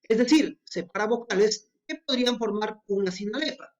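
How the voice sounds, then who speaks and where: A woman's voice: medium pitch, normal speed, a little mellow, lo-fi sound. A woman teaching a lesson on poetic meter, explaining patiently with frequent fillers and worked examples.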